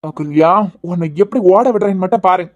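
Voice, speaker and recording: A woman's voice: lowish voice, fairly quick, a little mellow, voice pushed down, close to an everyday voice. A woman voicing a sarcastic young man in a cartoon serial, with a Kanyakumari Tamil accent. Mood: sly. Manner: sarcastic, needling questions. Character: shrewd sarcastic young man probing family.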